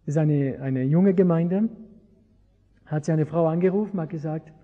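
A man's voice: a little high, normal speed, phone-quality sound. Engaging preacher man in a reverberant hall. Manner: engaging, asks the audience rhetorical questions. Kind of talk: sermon.

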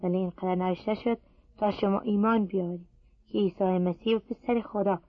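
Woman, scripture reading aloud, measured delivery, mid-pitched voice, dull close sound. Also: no echo. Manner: steady, measured reading pace. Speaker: scripture reader.

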